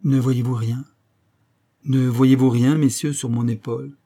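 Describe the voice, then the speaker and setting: A man reading the part of an anguished English gentleman who was once a servant, speaking in sobbing, agitated outbursts. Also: medium pitch, normal speed, natural voice. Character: anguished English gentleman, secretly a former lackey.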